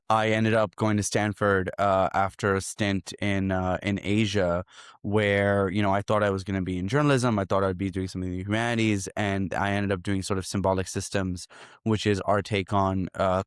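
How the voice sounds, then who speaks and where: Male guest from Hong Kong, low voice, dry close sound, reflective and relaxed, repeats phrases. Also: clean tone, no echo. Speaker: guest, startup founder. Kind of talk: casual interview.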